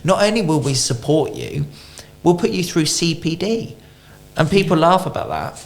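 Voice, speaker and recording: A man's voice: a little high, normal speed, vocal fry. A man, a guest on a business podcast, chatting casually and acting out quotes as he tells stories. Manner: animated storyteller, acting out quotes. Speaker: franchise company expert guest.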